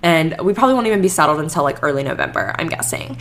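A young woman talks through her week on her own podcast. She rambles in a casual way, restarting sentences and filling gaps with "like." Her voice sits on the lower side. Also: expressive, rapid-fire, fairly bright tone, a little hiss or hum. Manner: rambling, many "like" fillers and restarts. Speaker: podcast host. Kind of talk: casual solo podcast chat.

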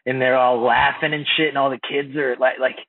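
A man from Indiana chatting casually as a podcast host, halting with many fillers and restarts. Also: mid-range voice, flat delivery, no echo. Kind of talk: casual chat. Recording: dry, phone-like, husky sound.

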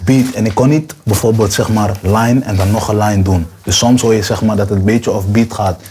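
A man's voice: lowish voice, moderate pace, slight background noise. A young man rapper, interview guest, talking in casual street slang and acting out quotes with a raised voice. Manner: animated, acts out quotes with raised voice.

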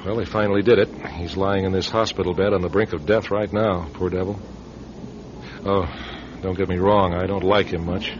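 Voicing a sardonic middle-aged station manager in a radio drama, this man speaks low and fairly evenly at normal speed, with a lightly acted touch. The mood is wry and somber across narration and dialogue, heard through a hissy, muffled old radio recording.

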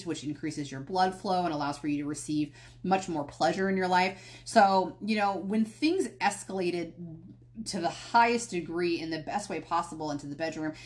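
An American woman past college age, with a fairly low voice, hosts a casual solo podcast. She speaks candidly and loosely, rambling into little tangents and often catching herself to restart a phrase.

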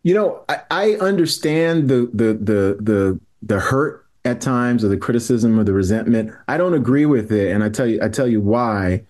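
A man's voice: medium pitch, animated, moderate pace, few pauses, darkish tone. Earnest man explaining at length. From New York City. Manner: earnest, lecturing, many restarts. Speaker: guest historian. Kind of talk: podcast conversation.

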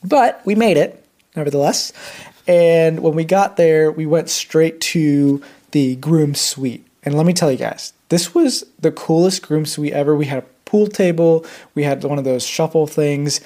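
A man's voice: on the high side, a little slow, dark tone. Rambling young man telling a story. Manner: rambling storyteller, many fillers and restarts. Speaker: podcast co-host. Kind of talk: casual chat.

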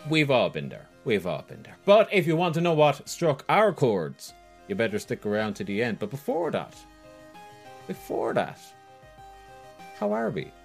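A man's voice: mid-range voice, huge pitch swings, moderate pace, creaky, soft background music. A man hosting a casual podcast with an informal, playful manner and upbeat chatty delivery. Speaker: podcast host.

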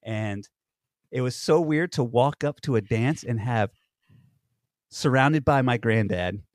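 A man's voice: medium pitch, unhurried, no echo, studio quality. A man co-hosting a podcast, telling stories in rambling casual chat full of fillers and restarts. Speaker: podcast co-host. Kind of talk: casual conversation.

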